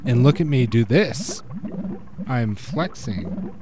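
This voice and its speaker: A man's voice: mid-range voice, very animated, slow pace, noisy background. A man doing an eager pool boy. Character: dim eager young male pool boy.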